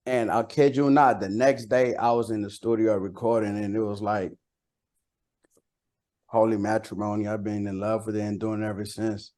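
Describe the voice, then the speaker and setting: This interview guest, a bilingual rapper-songwriter from San Jose, Costa Rica with Spanish as his first language, talks in a casual, colloquial way full of "like" and "you know." His lowish voice is mellow, with flat delivery at normal speed.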